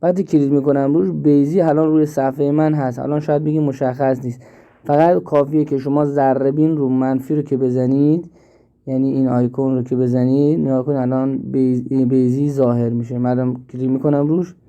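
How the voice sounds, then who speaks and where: A man teaching an app step by step, slowly and with repeats, in a screen-recorded tutorial. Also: mid-range voice, flat delivery, phone-quality sound. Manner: slow step-by-step explaining, repeats himself. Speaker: instructor.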